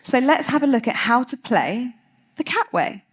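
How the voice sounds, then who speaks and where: Lively woman giving a talk. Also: on the high side, normal speed, husky. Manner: lively, chatty, laughs often. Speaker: cat behaviour speaker. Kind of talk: TED-style talk.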